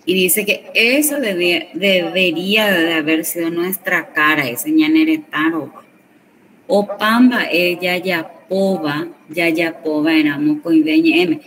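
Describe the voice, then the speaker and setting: A Guarani teacher gives a classroom lesson, explaining slowly and often using tag questions to check that students are following. Her voice is on the low side, recorded from a distance with faint background noise.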